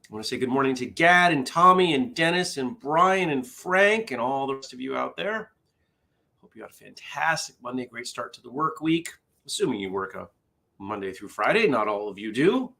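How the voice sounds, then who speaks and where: A man's voice: medium pitch, very animated, moderate pace, gravelly, pushed and bright. A man hosting a casual morning livestream, chatty and tired after a bad night's sleep, greeting viewers and reading out their comments. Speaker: host.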